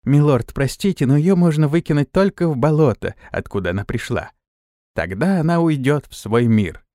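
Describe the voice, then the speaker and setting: Brief: quiet lifeless servant girl, flat and slow, dry; a man plays her. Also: a little high, dry recording, close to an everyday voice.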